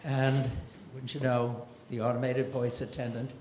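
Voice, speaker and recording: A man's voice: mid-range voice, flat delivery, measured pace, slight background noise. An older man doing a stand-up comedy set on a club stage, delivering dry one-liners with self-deprecating asides. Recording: roomy club with loud audience laughter.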